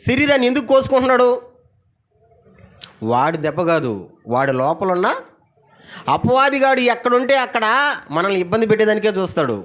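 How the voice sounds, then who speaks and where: Animated high-voiced preaching man. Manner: animated preaching, calls for congregation responses; swings between loud exclamations and low asides. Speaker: pastor. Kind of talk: Sunday sermon.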